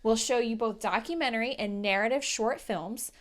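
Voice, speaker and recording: A woman with a fairly high voice co-hosts a livestreamed film screening. She reads friendly, welcoming announcements from a script. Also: normal speed. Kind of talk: scripted event hosting.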